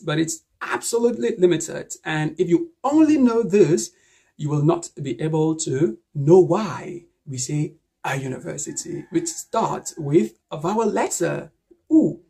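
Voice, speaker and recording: A woman's voice: fairly low pitch, gravelly, warm tone, breathy edge. A woman teaching an English lesson online, emphatic and repeating key words to drill them. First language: French.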